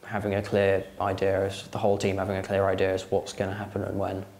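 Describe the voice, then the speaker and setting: A man's voice: sits low, monotone, quick pace, darkish tone, roomy sound, slight background noise. A young male agriculture student from Lincolnshire, speaking steadily in an interview. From Lincolnshire, England. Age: young adult. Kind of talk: casual interview.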